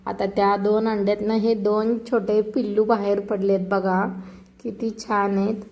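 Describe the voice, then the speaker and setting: A woman filming a casual home vlog, narrating gently to viewers and coaxing a small child in a tender, soothing way. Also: medium pitch, level tone, a little slow, a little hiss or hum. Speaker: family vlogger.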